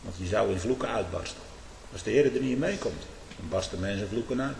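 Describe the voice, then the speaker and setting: A man preaching a fiery sermon, dropping to low mutters and then rising to shouts, often asking his listeners "hm?". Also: expressive, a little fast, gravelly, slight background noise. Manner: asks "hè?" and "hm?" to the listeners. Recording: echoey hall with long reverb.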